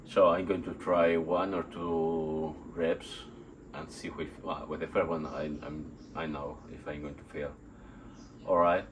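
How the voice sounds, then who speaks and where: Feeling sick and nauseous, a male workout vlogger talks in a very deep, flat voice for an unscripted, casual vlog. His speech is halting and rambling, full of repeats and word-searching. He films outdoors under a tarp in a still yard with a phone on a tripod, and the rough audio carries noticeable background noise.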